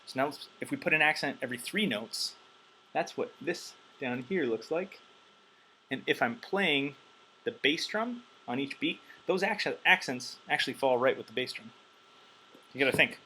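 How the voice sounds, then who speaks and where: A man's voice: mid-range voice, expressive, moderate pace, bright, forceful tone, a little hiss or hum, rough recording. A man teaching drums in a loose, chatty way, counting beats aloud with plenty of ums, wired on caffeine. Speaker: drum teacher. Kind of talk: casual instructional talk.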